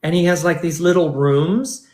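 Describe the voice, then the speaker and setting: A man's voice: fairly high pitch, moderate pace, a little mellow. A man hosting a casual interview, easygoing and supportive, telling stories in a rambling way. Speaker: host. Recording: roomy echo.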